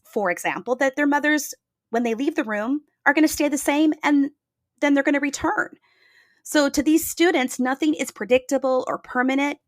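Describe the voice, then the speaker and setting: A woman's voice: high-pitched, a bit bright, no room sound, studio quality. A woman hosting a podcast, telling a reflective story in an earnest, emphatic way. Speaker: podcast host.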